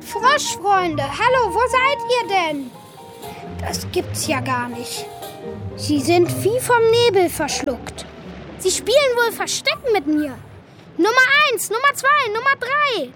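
Young male water sprite for children's audio drama: very high voice, lively swings, cheeky and eager. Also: takes it slowly, over loud music, exaggerated voice. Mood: puzzled, searching.

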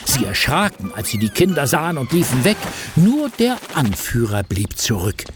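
Male narrator, children's story, expressive, lively intonation, loud music bed. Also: medium pitch, moderate pace.

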